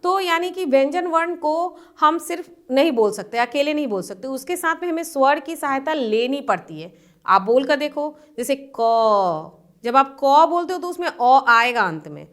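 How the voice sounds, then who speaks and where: A woman with a slightly raised pitch teaches a primary-school lesson. She moves through each point step by step, asking questions and answering them herself, and repeats key definitions. Her delivery is patient and steady. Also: normal speed. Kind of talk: classroom lesson.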